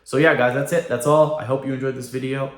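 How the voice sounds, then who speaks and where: Guy vlogging a rant, keeps saying right?, mid pitch, echoey room. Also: steady tone, fast. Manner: emphatic, repeats "right?". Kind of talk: casual rant to camera. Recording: roomy echo.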